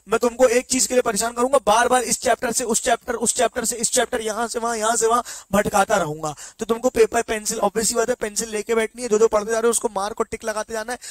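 A man teaches an online exam-prep lecture in Hindi, reading English passages slowly and firing quick check questions at students. His voice is very high with fairly even intonation, and there is no room sound.

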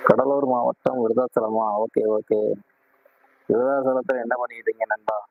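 A man hosting a casual live stream, greeting viewers warmly and repeatedly asking them to like and subscribe. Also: mid-range voice, flat delivery, moderate pace, creaky, slight background noise. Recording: tinny phone-like sound.

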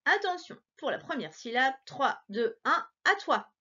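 A woman teacher giving a recorded reading lesson to a child, encouraging and playful, stretching out words slowly. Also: high voice, big pitch swings, sharp tone, muffled recording. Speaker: primary school teacher.

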